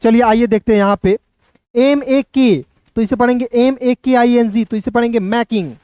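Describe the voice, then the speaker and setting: A man's voice: very high-pitched, fairly even intonation, moderate pace, a little mellow, clear, resonant tone, no echo. A man teaching English reading, who patiently spells words letter by letter and quizzes his listeners.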